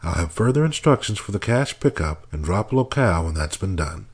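A man's voice: low voice, big pitch swings, brisk, breathy edge, voice pushed up, exaggerated voice. A man voicing a taunting female kidnapper with a Brooklyn accent, speaking with cold contempt.

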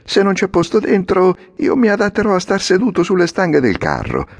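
A man's voice: sits high, moderate pace, voice pushed up, heavily acted. A man voicing a carefree, troublemaking boy who coaxes his friend along, in a storybook reading. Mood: coaxing. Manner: coaxing, lively.

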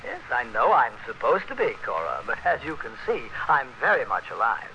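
A smug blackmailing husband in an old radio thriller. His voice is bright and very animated, mocking people with suave courtesy. The vintage recording is dull with faint noise. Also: medium pitch, brisk, heavily acted. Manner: suave, sardonic, mock-courteous. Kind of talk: 1940s radio thriller acting.

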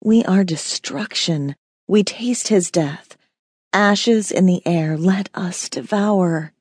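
A woman voicing a hungry female demon in the narrator's mind, speaking slowly in a hushed, seductive urge. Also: lowish voice, slightly rough, dry recording, studio quality. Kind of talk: audiobook character voice.

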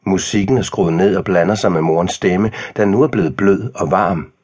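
A man narrating an audiobook in a measured, calm way. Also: low-pitched, breathy edge.

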